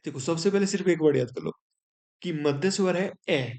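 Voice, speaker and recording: A man's voice: a little high, a little fast, vocal fry, a little mellow. A man teaching a grammar lesson for exam students, explaining step by step and checking in with his listeners.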